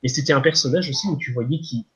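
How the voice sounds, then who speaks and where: A man's voice: mid-range voice, fast, fairly bright tone. A man talking casually about a film as a podcast guest, hesitant with many fillers. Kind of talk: casual film review chat.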